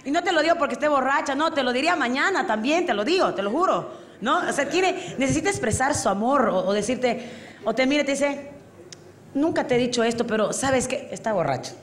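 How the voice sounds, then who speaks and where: A Bolivian woman performing an animated stand-up comedy routine, acting out drunk characters with big voice swings. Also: high voice, quick pace. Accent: Bolivian Spanish. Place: comedy stage before a live audience.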